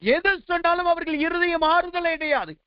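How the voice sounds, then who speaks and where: Male pastor with a very high voice, sermon full of repeated rhetorical questions, dry, dull lo-fi recording. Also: normal speed, dry recording. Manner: rhetorical questions, repetitive preaching cadence.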